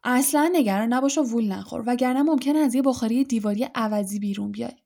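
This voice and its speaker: A friendly young wizard boy gives quick, helpful advice in a storybook reading, as a woman reader puts him on. The voice sits a little high and mellow. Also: vocal fry.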